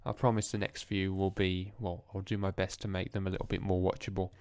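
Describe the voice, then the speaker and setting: A young man, talking in a hushed, tired voice as he thinks aloud through language practice in a casual vlog. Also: low voice, level tone, fairly quick, dry recording. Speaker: language learner vlogger. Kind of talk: casual screen-recorded vlog.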